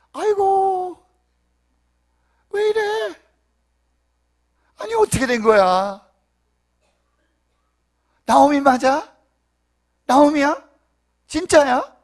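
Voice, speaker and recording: A man preaching acts out excited townsfolk who exclaim in disbelief and gossip. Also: very high-pitched, very slow, long pauses, pitched above the performer's own voice, heavily acted.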